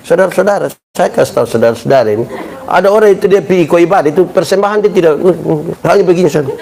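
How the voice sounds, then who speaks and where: A male pastor preaching a live sermon, joking and quizzing his congregation with call-and-response questions. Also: sits high. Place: church service. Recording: live church recording with congregation and room noise.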